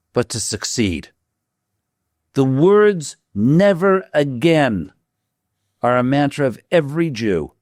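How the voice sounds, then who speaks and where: A man hosting a podcast interview, talking in emphatic, drawn-out declarations. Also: medium pitch, darkish tone, dry recording, clean studio sound. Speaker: podcast host.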